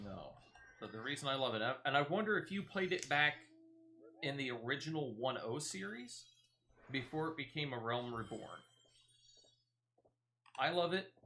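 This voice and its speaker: Chatting with a viewer in the relaxed manner of a live stream, a male gamer speaks in a bright, forceful mid-range voice while he plays. A little background noise is audible.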